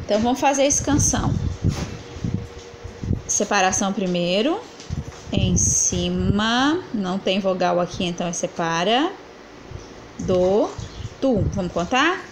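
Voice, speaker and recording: A woman's voice: mid-range voice, expressive, normal speed, noisy background. A woman teacher correcting exercises in a lesson, asking the class questions and answering them herself as she counts syllables aloud.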